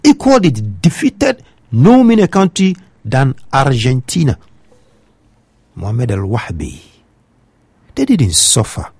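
A man's voice: mid-range voice, sing-song, slow, pauses often, a little mellow, slightly rough, dry recording. A man from Ghana with a Ghanaian accent, giving opinionated football commentary and pressing his point with emphatic rhetorical questions. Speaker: football pundit.

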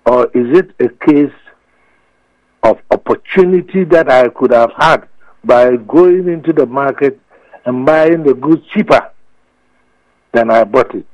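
A man's voice: medium pitch, measured pace, long pauses, a little mellow. A man with a Ghanaian accent explaining his views emphatically and with repetition, as an expert guest in a radio interview. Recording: muffled, echoey radio feed.

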